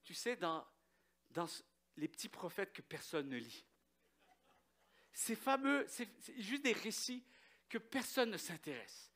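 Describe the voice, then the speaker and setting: Man, young, pastor, storytelling sermon, high voice, bright tone, quick restarts. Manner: lively anecdotal preaching with quick restarts.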